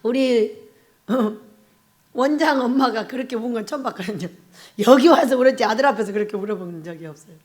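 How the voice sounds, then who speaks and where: A woman's voice: fairly high pitch, brisk. A middle-aged woman pastor giving a conversational sermon, putting rhetorical questions to the congregation and often breaking into laughter. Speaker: pastor and prayer house director.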